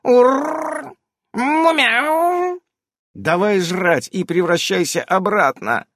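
A man voicing a sly, vengeful male house cat that purrs and meows in a high voice. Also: expressive, normal speed, a bit bright, heavily acted. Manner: high purring, meowing growl.

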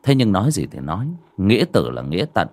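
A man's voice: deep voice, very animated, fast, a little mellow. A man narrating a horror story in a dramatic storytelling manner with colloquial asides. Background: faint music.

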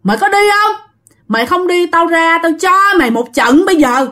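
A woman's voice: very high voice, animated, normal speed, pushed and bright, pitched above the performer's own voice, heavily acted. A woman voicing the ghost of a middle-aged ancestral woman who sharply scolds an intruder. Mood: scolding. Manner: harsh, scolding, protective. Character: scolding ancestral spirit, woman in her fifties.

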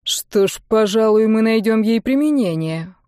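A woman voicing a cruel, mocking adult male duke who talks slowly with contempt. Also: on the high side, animated, a little mellow, clean tone, no echo, clean studio sound, lightly acted. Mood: sneering. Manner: slow, sneering and contemptuous.

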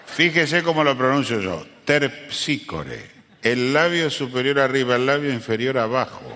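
A man's voice: medium pitch, moderate pace, pushed and bright, lightly acted. Man as a pedantic know-it-all, on a hissy live stage recording with a lingering echo. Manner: pedantic, mock-learned lecturing. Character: pompous adult male pronunciation expert. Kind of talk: live comedy sketch. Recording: live stage recording with long reverb and hiss.

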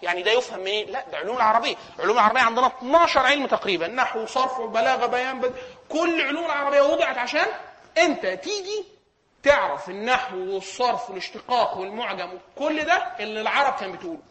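A man's voice: extremely high pitch, lively intonation, racing, sharp tone. A man with an Egyptian accent giving a lecture, asking himself questions and answering them. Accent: Egyptian Arabic. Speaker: teacher of Islamic sciences.

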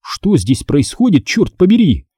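A man narrates a first-person story aloud with expressive storytelling. His voice is very dark and husky, and it moves lively across a wide range. The read is dry and close to the mic. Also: high-pitched, a little slow, no room sound. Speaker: audiobook narrator.

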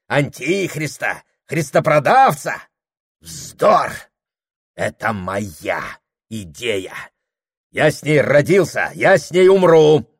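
A man voicing a domineering, grandiose husband who shouts and hammers every phrase in an audiobook. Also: fairly high pitch, no room sound, clean studio sound, voice pushed up, heavily acted. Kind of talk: audiobook character voice.

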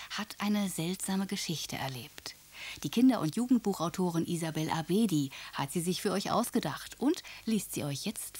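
A woman presenter introducing a story to children in a scripted, soft half-whispered manner. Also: lowish voice, breathy edge.

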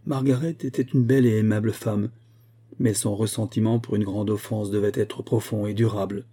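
A male audiobook narrator reading a classic novel in a measured, steady way. His voice sits low and sounds dark and husky. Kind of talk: scripted narration.

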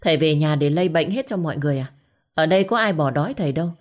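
A woman's voice: lowish voice, lively intonation. A woman voicing a cold, resentful middle-aged son who scolds his sick father sharply. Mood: scolding. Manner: sharp, scolding, quick retorts.

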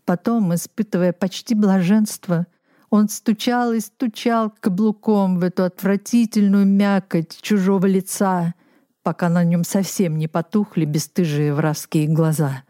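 A woman narrating a literary story in a measured, even reading on a close mic. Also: mid-range voice, no echo. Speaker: audiobook narrator.

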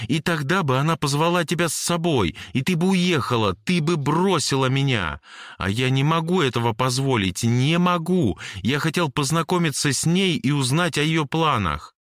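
A man's voice: on the high side, animated, moderate pace, a bit bright, no room sound, pitched above the performer's own voice. A young man pleads and defends himself in a heated, strained voice, as a man reads him in an audiobook. His voice rises as he presses his case. The sound is close and dry. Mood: pleading. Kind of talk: audiobook character reading.

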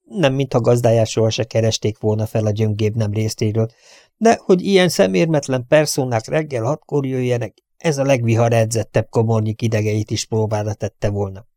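A man reading a novel aloud as an audiobook narrator, in an even, measured way. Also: mid-range voice, no room sound, studio quality. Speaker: audiobook reader.

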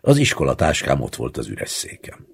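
A man narrating a literary short story in the first person, in a measured audiobook reading. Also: extremely low pitch, wildly swooping pitch, creaky, slightly rough.

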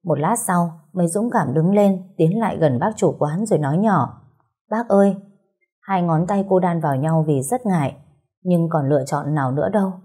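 A woman reading a story aloud in a calm, steady, gently sad way. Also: fairly low pitch, moderate pace, slightly rough. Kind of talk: scripted story narration.

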